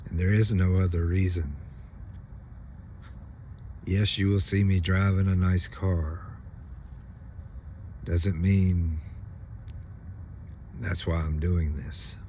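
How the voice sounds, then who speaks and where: A man giving an earnest spiritual monologue to his followers, pausing often and clearing his throat between phrases. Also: sits low, flat delivery, dark tone, slight background noise. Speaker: spiritual channeler.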